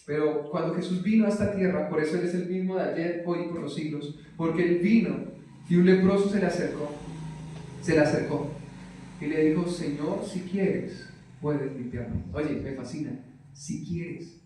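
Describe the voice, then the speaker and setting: A man preaching a sermon who often turns questions to his listeners and moves between loud cries and soft asides. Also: on the high side, moderate pace, slight background noise. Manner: animated, rising to loud exclamations and dropping to soft asides. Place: church hall. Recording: echoey hall, mic at a distance.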